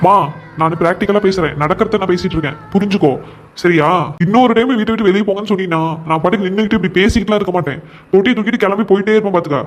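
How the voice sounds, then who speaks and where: A young cartoon husband, voiced by a man, firm and pleading by turns as he reasons with his mother. His voice sits high for a man, and he races through his lines at a breakneck pace. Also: racing, soft background music, close to an everyday voice. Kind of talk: comic cartoon voice acting.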